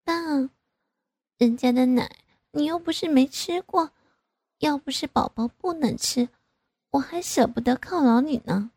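A woman doing a coy, wheedling young mother, lifted high. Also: unhurried, long pauses, dark tone, dry recording, clean studio sound. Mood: coaxing. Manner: coy, wheedling, sing-song.

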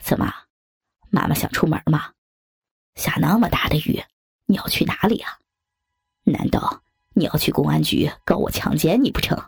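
A woman voicing a menacing, taunting young man in a dramatic audio story, with a low gravelly voice and mocking laughs. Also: moderate pace, pauses often, heavily acted. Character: menacing young adult son, leering and taunting.

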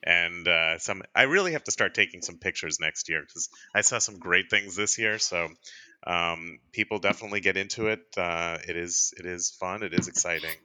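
A male host chatting casually about skating, his voice low and sharply bright. He hesitates often, filling gaps with ums and restarting sentences. The sound is dry and close. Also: normal speed, no echo. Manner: hesitant, many fillers and restarts. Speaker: podcast host. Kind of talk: casual chat.

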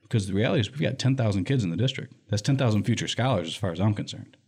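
Deep-voiced man speaking emphatically. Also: expressive, very fast, a little mellow, slightly rough. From Michigan, US. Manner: earnest, emphatic, keeps tagging lines with "right?". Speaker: nonprofit executive director, guest. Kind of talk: conversational interview answers.

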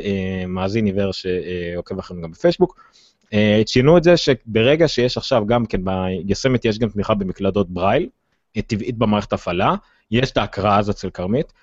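A man with an Israeli accent hosting a casual tech discussion, speaking haltingly with many filled pauses. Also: on the low side. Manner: hesitant, halting delivery with frequent filled pauses. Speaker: tech podcast host. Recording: dull, roomy, lo-fi sound.

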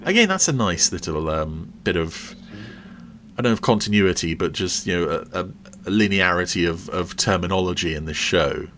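A man's voice: low-pitched, lively intonation, normal speed, fairly bright tone, a little hiss or hum. A man hosting a podcast, commenting on a TV episode in a chatty, rambling way with playful asides. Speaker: podcast host.

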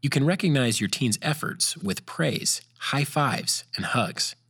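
A man narrating a scripted parenting guide in a calm, measured, even way. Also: mid-range voice, husky, no echo.

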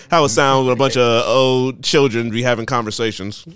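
A man's voice: medium pitch, steady tone, normal speed, a bit bright, clear, resonant tone. A man in his thirties co-hosting a podcast, talking casually in a laid-back, wry way. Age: 30s. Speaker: podcast co-host. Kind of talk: casual chat.

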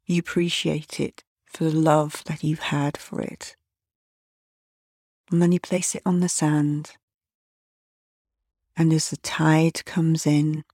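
Slow, low-voiced woman guiding meditation. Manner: soft, often drifting into a whisper; calm, gentle instructions. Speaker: meditation guide. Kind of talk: guided meditation.

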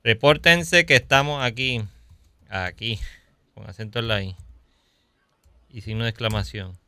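A man with a Puerto Rican accent hosting a casual livestream chat, lively and greeting viewers as they join. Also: mid-range voice, a little slow, clean tone, no room sound. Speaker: podcast host. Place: home at night.

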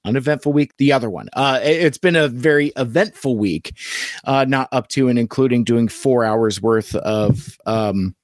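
A man talking casually to camera about his toy collection, halting and rambling with many fillers and restarts, a little worn out. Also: medium pitch, no room sound. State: tired, hungover after a convention.

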